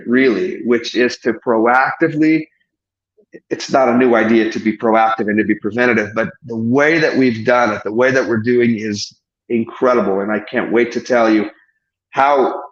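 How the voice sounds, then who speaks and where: A man's voice: medium pitch, fairly bright tone, reverberant, lo-fi sound. A man, talking as a therapist guest in an effusive, expansive way with frequent restarts. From Portugal. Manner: effusive, expansive, self-correcting. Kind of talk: enthusiastic podcast interview.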